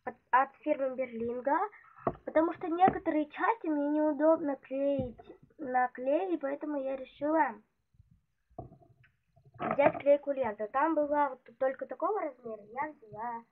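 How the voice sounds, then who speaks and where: An unwell woman vlogger talks at a normal speed in a high voice that her illness has affected. She chats about her stationery at an indoor desk, hands on the table, hesitating and using lots of fillers, and the audio is tinny and phone-like with loud noise.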